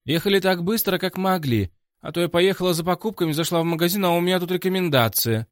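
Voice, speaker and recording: A man voicing a bubbly, hurried young woman who chatters breathlessly. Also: sits high, dry recording, studio quality, voice pushed up, lightly acted. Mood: chattering.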